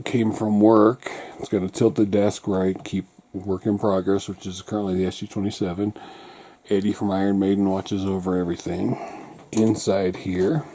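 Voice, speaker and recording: A man giving a casual walk-through of his hobby workshop, pointing things out item by item in short, unhurried phrases. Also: lowish voice, mellow. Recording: clearly noisy amateur room recording with clicks.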